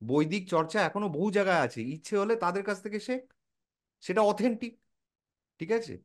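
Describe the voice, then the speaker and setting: A man's voice: high voice, a little fast. A man explaining in a casual chat, lecturing informally and answering his own rhetorical questions. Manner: informal, addresses listener as a close friend.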